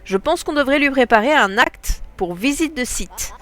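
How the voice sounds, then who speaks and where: A woman's voice: high-pitched, animated, moderate pace, a bit bright, voice pushed up. A woman with a stuffy nose voicing an upbeat, encouraging female game villager, reading the lines aloud.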